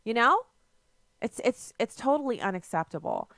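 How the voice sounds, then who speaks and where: A woman's voice: on the high side, sing-song, normal speed, vocal fry, a bit bright, dry recording, studio quality. A woman hosting a talk radio show, talking in a folksy, heated and emphatic way.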